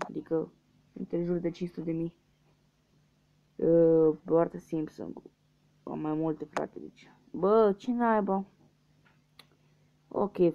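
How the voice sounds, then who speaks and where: A man's voice: a little high, creaky. A young man from Romania giving casual let's-play commentary, muttering guesses and swearing at losses. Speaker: gaming youtuber. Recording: dull lo-fi mic with faint hiss.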